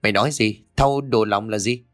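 A man voicing an angry older village man, barking rough threats. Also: on the low side, a little fast, fairly bright tone, no echo, clean studio sound, soft background music, close to an everyday voice. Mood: suspicious.

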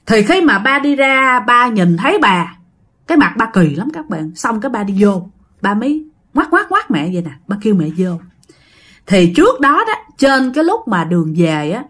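A woman with a Southern Vietnamese accent, narrating a ghost story to her listeners in lively quoted speech. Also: medium pitch.

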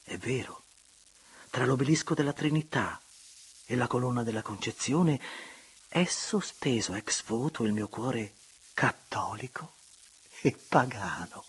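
A man reading aloud, voicing a gallant, passionate young gentleman who speaks in courtly phrases. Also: medium pitch, animated, unhurried, pauses often, husky, pitched above the performer's own voice.

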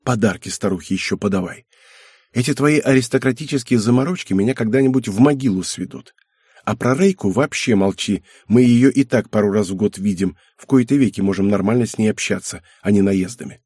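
A man's voice: fairly low pitch, fairly quick, a little mellow, slightly rough, no room sound, clean studio sound. Man putting on a snappy grumbling wife. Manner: snappy, irritable. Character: grumbling tired aristocratic wife, mother.

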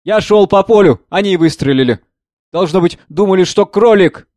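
A man reading the part of a wounded peasant with a hoarse, mocking voice. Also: high-pitched, normal speed, darkish tone, dry recording, pitched above the performer's own voice, close to an everyday voice. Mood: rough, mocking.

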